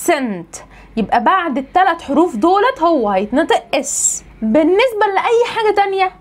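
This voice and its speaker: A young woman with an Egyptian Arabic accent, an English pronunciation trainer, explaining a lesson and answering her own questions. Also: high voice. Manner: lively teacher, asks and answers own questions.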